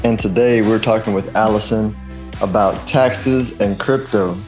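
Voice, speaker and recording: A man's voice: on the low side, a little slow, darkish tone, soft background music. A man hosting a podcast interview in a casual, informal, conversational way. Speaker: podcast host.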